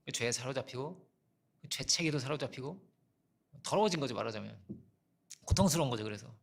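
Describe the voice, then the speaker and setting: Rhetorical questions and frequent rhetorical "어?"s run through this middle-aged pastor's conversational sermon, along with stories from his own life. He has a gravelly mid-range voice with lively intonation and a fairly quick pace.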